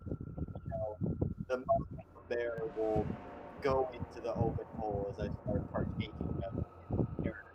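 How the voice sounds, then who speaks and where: Slow, deliberate male player. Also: on the low side, lo-fi sound. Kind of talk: tabletop game play. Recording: steady background hiss.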